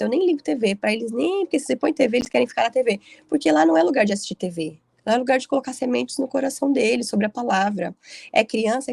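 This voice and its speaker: A woman with a fairly high voice, vocal fry, a slightly mellow quality and a breathy edge leads a casual group Bible study with no echo. She tells stories chattily, frequently tagging her sentences with "né."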